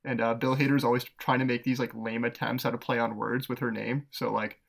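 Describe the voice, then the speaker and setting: A podcast co-host talking casually, his gravelly voice slipping into fry at the ends of phrases. He rambles, fills gaps with "uh" and laughs a lot at his own jokes. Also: mid-range voice, flat delivery, fairly quick. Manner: laughs often, rambling with fillers. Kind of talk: casual chat.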